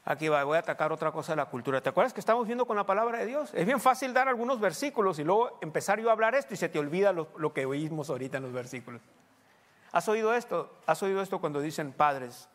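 A man's voice: high-pitched, animated, quick pace, a bit bright, long reverb tail. A male pastor preaches a sermon in a church. He talks to the congregation conversationally and often asks them questions.

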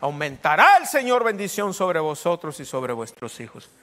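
Soft instrumental music backs this middle-aged man as he delivers a sermon, informal and full of joking asides punctuated by quick prayers and amens. His voice is a little high and sing-song, moving at a moderate pace.

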